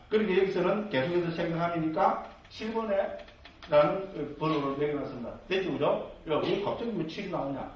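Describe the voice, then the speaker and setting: A man with a slightly high voice lectures lay believers on Buddhist scripture, tossing in tag questions, rhetorical questions and the odd joke. He sounds far from the microphone. The big hall around him rings with heavy echo. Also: slight background noise. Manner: jokey asides. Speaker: Buddhist dharma teacher. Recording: very echoey hall, mic far off.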